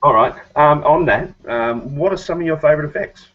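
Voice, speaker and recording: A man's voice: on the high side, a little fast. A man of fifty who interviews a guest in a casual chat and asks long, wandering questions. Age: 50s. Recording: dull lo-fi interview audio.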